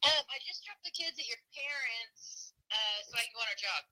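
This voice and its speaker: Bright-voiced woman heard over a speakerphone. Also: fairly high pitch, expressive, a little fast, slight background noise, poor audio. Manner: playful, teasing. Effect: heard over a phone on speakerphone. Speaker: caller, host's wife. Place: in a car while driving.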